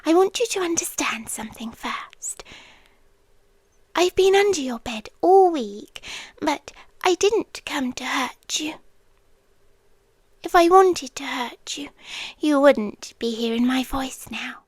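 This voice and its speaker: Voicing a possessive British yandere girlfriend, a woman speaks in a high, breathy tone that slips from whisper to soft speech, with lively intonation. Her pace is very slow and her mood is one of soft menace, captured in an intimate, dry ASMR recording on a close microphone without echo.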